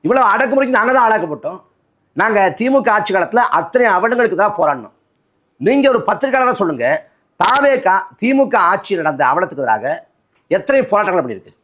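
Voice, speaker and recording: A man from Nadu, speaking as a party spokesman in a political interview, forceful and rhetorical, repeating phrases for emphasis. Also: sits high, very animated, fairly quick.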